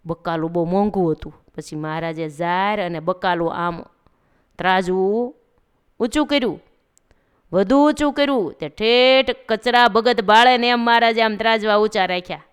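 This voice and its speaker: A woman narrating a devotional story, talking lively and directly to her listeners. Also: mid-range voice, moderate pace, clean tone.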